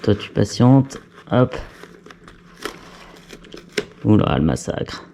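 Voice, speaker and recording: Mellow-voiced man muttering while he works. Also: on the low side, big pitch swings, extremely slow, creaky, slight background noise. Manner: chatty, muttering to himself, self-mocking. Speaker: vlogger fitting a helmet intercom. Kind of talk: casual talk to camera while working.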